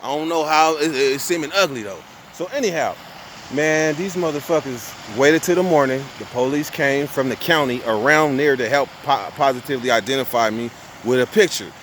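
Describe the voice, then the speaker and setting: A young man with a mid-range, fairly bright voice tells a long story to his viewers at a moderate pace. Cussing in street slang, he rambles and keeps restarting and repeating himself, with a little hiss or hum audible.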